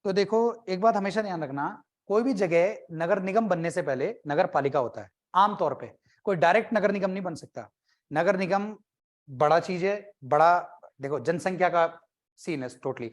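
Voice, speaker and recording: A man's voice: high voice, moderate pace. A man teaching an exam-prep class, talking conversationally, quizzing his students and cracking jokes.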